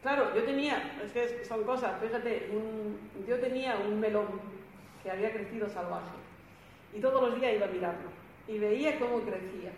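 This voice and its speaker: A woman giving an emphatic spiritual talk to a group, repeating phrases and acting out what people said. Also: mid-range voice. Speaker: spiritual speaker. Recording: echoey hall, some background noise.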